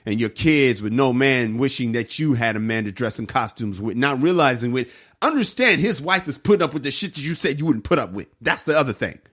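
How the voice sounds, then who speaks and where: A man's voice: mid-range voice, lively intonation, fairly quick, a bit bright. A man co-hosting a podcast, ranting in a heated, profane way with his voice climbing. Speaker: podcast co-host. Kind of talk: casual podcast chat.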